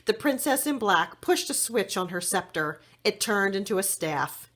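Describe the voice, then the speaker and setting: Here a story reader at medium pitch works through a children's tale, her telling expressive and unhurried.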